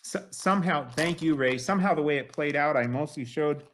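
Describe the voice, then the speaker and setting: On a casual interview show, a collector in his late fifties talks eagerly and at length, leaning heavily on fillers like "you know". His voice sits on the high side, fairly quick and a bit bright, and the recording carries a little hiss or hum.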